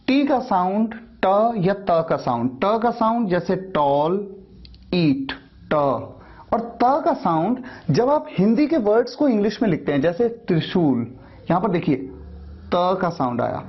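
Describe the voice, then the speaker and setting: Husky-voiced male language teacher. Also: sits high, muffled recording. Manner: explains patiently, repeats and stretches out example sounds. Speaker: English pronunciation teacher. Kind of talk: spoken language lesson.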